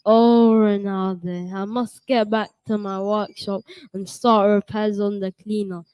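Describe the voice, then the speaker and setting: A woman playing a lonely elderly male inventor, speaking slowly and kindly in a school puppet play. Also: mid-range voice, little pitch movement, clean tone, no room sound, dull audio, close to an everyday voice. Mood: gentle. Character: lonely old male inventor, gentle and kind.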